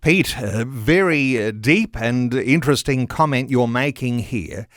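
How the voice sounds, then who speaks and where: A man's voice: mid-range voice, lively intonation, measured pace, fairly bright tone, dry recording. Australian male talkback radio host, studio-dry. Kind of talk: radio interview presenting.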